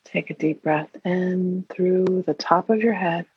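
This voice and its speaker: A woman leading a guided meditation in an airy, breathy, soothing and hushed voice, leaving long pauses. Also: fairly low pitch. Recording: roomy, dull lo-fi sound.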